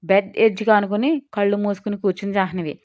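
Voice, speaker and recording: A woman narrating a serialized romance audio story in an expressive, scripted reading. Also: mid-range voice, fast talker, muffled recording.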